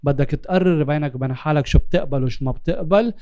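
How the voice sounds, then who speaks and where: Fast-talking Lebanese man, smooth and mellow. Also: a little high, dry recording, lo-fi sound. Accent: Lebanese Arabic. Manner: mixes English terms into Arabic, emphatic repetition. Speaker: interviewer and host. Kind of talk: reflective interview with life-coaching advice.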